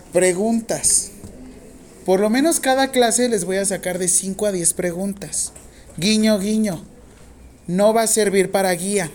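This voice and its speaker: A woman with a Mexican accent teaching a nursing class, talking casually with slang, dictating slowly and firing questions at the students. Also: medium pitch, a little mellow, a little hiss or hum. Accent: Mexican Spanish. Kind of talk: classroom lecture.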